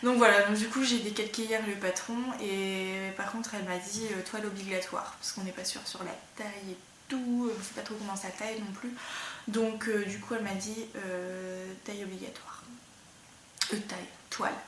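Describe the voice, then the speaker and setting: A woman hosting a knitting and sewing podcast in a casual, rambling chat, slightly hoarse as she loses her voice. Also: medium pitch, steady tone, normal speed, a bit bright. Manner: chatty, rambling, many fillers. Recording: roomy room with faint background noise.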